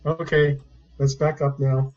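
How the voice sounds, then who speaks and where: A man with a fairly high voice, talking casually as a tabletop game player. His audio is a little dull and lo-fi. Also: little pitch movement, unhurried, darkish tone. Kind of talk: casual chat.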